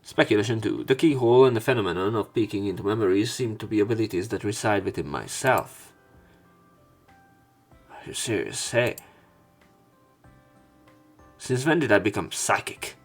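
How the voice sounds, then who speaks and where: A fairly low-pitched, expressive man narrates a visual novel aloud for a let's play at a moderate pace, pausing often. He stumbles now and then, repeats words, and is accompanied by game music.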